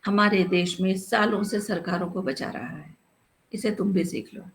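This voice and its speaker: A woman's voice: mid-range voice, normal speed, lightly acted, poor audio. Woman as a scheming male inspector, scolding, condescending, storybook reading. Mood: lecturing. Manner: scolding, lecturing.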